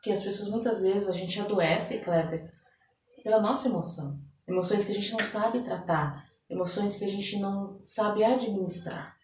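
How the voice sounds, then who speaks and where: This Brazilian interview guest has a medium-pitched, slightly mellow voice and speaks at a normal speed, conversationally explaining her coaching work and often checking for agreement. A slight hiss or hum accompanies the roomy, echoey recording, made some distance from the mic.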